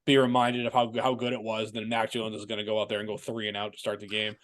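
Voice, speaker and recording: A man's voice: on the low side, monotone, fast talker, fairly bright tone. A man from Massachusetts hosting a casual sports and fantasy football talk, chatting loosely with restarts. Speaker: podcast host.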